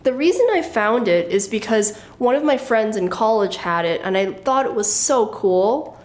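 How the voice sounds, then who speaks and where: A woman's voice: mid-range voice, animated, normal speed. Wry, matter-of-fact woman vlogger. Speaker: fashion vlogger. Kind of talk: casual show-and-tell.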